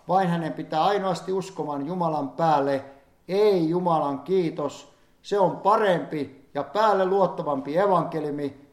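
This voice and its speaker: A man reading an old-fashioned sermon aloud in a solemn, fervent manner, rising in emphasis on pleading passages. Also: high voice. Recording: echoey room.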